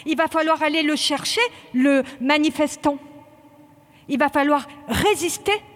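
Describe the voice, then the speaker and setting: A woman's voice: sits high, fairly even intonation, measured pace, in a large hall. A woman voicing a stern male police training lieutenant who drills recruits in barked, clipped commands. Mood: coaxing.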